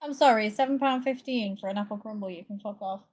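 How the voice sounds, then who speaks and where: A woman chatting loudly and bawdily between game turns. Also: mid-range voice, fast. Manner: loud, bawdy, laughing banter. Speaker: player. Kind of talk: casual chat.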